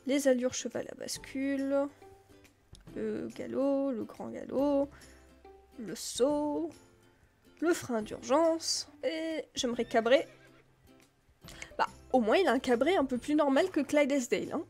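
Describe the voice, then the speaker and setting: A woman's voice: high voice, takes it slowly, pauses often, a little mellow, faint music behind. A woman giving casual, rambling commentary as she plays a video game, with many filler words. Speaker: gameplay video creator.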